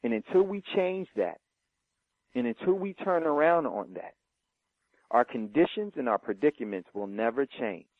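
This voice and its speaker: A man hosting a talk show, making forceful, deliberate declarations before handing over to his guest. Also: a little high, expressive, vocal fry, no echo. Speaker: host. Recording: dry, tinny phone-line sound.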